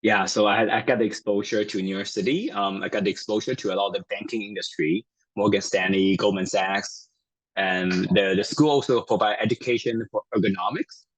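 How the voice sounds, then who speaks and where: A man's voice: lowish voice, steady tone, a little fast, breathy edge, dry recording, poor audio. A man from Taiwan, a native Chinese speaker, talking as a guest chiropractor in a casual interview, friendly and hesitant with many fillers.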